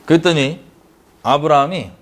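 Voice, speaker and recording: A man's voice: on the high side, moderate pace, a bit bright. A man teaching a Bible study, telling the story dramatically, acting out the characters' cries and putting questions to his listeners.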